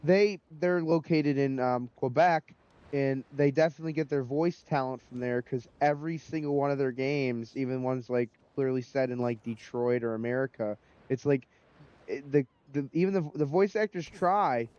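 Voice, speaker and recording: A man's voice: mid-range voice, normal speed, darkish tone, smooth, no room sound. A man rambling opinionatedly while casually commenting on a game he is playing. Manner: rambling, opinionated, many fillers. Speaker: gaming commentator. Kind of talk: casual let's-play chat. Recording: dull lo-fi voice recording.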